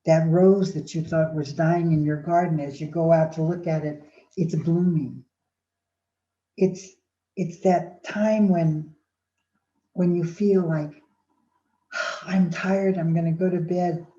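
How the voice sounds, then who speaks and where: An older woman gives a motivational talk, her mellow, slightly low voice moving between storytelling and acted-out inner voices, with sighs and restarts. The recording is dull and echoes in a roomy space. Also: fairly even intonation, slow pace, long pauses. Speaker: speaker giving a talk on aging well.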